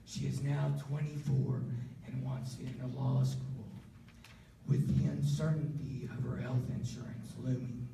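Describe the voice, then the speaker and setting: A man giving an earnest, emotional prepared speech at a town hall, pausing at times to compose himself. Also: mid-range voice, vocal fry, dark tone, slight background noise. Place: large public hall. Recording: echoey hall from far off.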